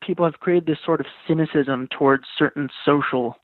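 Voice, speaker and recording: A teenage guy phoning in on a thin, tinny line that sounds boxy and dry, his voice a bit high for a man. He talks earnestly and at length, hunting for the right words as he goes. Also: brisk, dry recording. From New York, USA. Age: teens. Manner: earnest, wordy, searching for words. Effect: heard over the phone. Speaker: caller. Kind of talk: casual call-in talk. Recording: tinny, breaking-up phone line.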